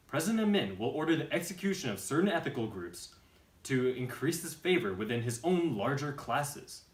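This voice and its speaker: A man's voice: mid-range voice, reverberant. A man giving formal, scripted narration in the style of a historical documentary.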